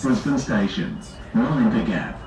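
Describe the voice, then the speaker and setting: A man giving calm, formal pre-recorded announcements, played over train loudspeakers. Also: lowish voice, slow. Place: inside a moving train carriage. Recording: echoey distant loudspeaker with loud train noise.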